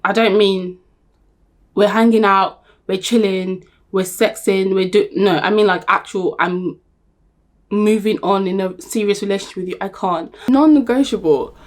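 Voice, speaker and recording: A young woman talking to camera in a blunt, emphatic, animated way, laughing often. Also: medium pitch, moderate pace. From Nigeria. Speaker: vlogger. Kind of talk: casual talk to camera.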